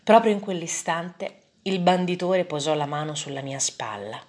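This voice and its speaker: A woman reading a first-person story aloud in a measured, dramatic way. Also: lowish voice, darkish tone.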